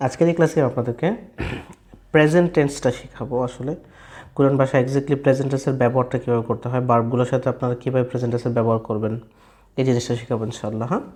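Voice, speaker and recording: A man teaching a casual spoken lesson, repeating and rephrasing each step and often asking his listeners whether it is clear. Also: mid-range voice, steady tone, racing, a little mellow. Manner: checks in often with "clear, brother?". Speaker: language teacher.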